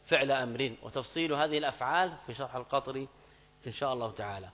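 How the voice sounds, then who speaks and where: A man teaching an Arabic grammar lesson in a mosque. He explains step by step, repeats key phrases, asks students checking questions, and reads quoted examples slowly and louder. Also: medium pitch. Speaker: Islamic scholar teaching grammar. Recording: long mosque reverb.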